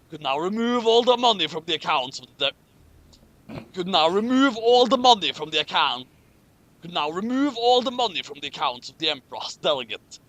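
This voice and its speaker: Reading a fan fiction story aloud, the co-host pauses for casual, amused remarks and chat. His voice is a little high and a bit bright.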